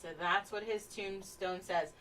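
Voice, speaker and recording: A woman's voice: medium pitch, steady tone, measured pace, a bit bright. A woman from New Jersey leading a live painting class from a home studio, chatty and laughing often as she talks through brush steps. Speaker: painting instructor and co-host. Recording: distant mic with faint background noise.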